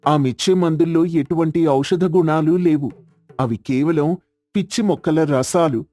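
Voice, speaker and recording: An earnest young village doctor speaks firmly and with resolve in a storybook tale played by a man. The voice is slightly high and clear, recorded dry and close, with faint music behind. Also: measured pace, dark tone, no echo, lightly acted. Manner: firm, earnest.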